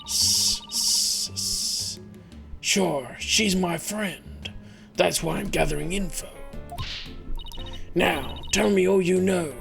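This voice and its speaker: A woman voicing a secretive young woman student from a video game in a sly snake voice, with drawn-out hisses. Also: lowish voice, creaky, fairly bright tone, soft background music, full character voice. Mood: shadowy, conspiratorial. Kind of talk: video game character read aloud.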